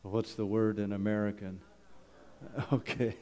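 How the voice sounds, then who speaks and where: The recording catches a church hall's long, echoing reverb as a Canadian wilderness school principal, middle-aged or older, addresses the congregation. His fairly low, mellow voice is flat and slow, and his folksy slide presentation leans on humor and rhetorical questions.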